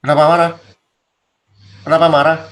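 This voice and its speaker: A man's voice: on the high side, little pitch movement, fairly quick, fairly bright tone. A man as a pastor leading a Bible study, talking bluntly and casually, firing rhetorical questions at his listeners.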